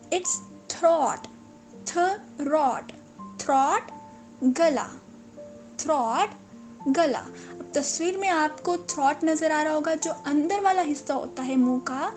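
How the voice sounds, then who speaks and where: A woman teaching English vocabulary, saying each word slowly, repeating it and correcting common mispronunciations. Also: high voice, a little mellow. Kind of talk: slow, repetitive vocabulary lesson.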